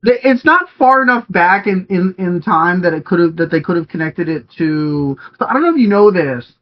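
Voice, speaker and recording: A man co-hosts a podcast in casual chat, rambling with lots of fillers and restarts. His high-pitched voice is animated and at normal speed, captured in dull lo-fi audio.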